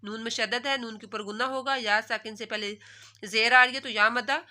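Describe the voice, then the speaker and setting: Bright-voiced woman teaching recitation. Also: a little high, steady tone. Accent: Pakistani Urdu. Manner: recites words slowly and drawn out, then explains rules rapidly. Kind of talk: tajweed lesson, alternating slow recitation and quick explanation.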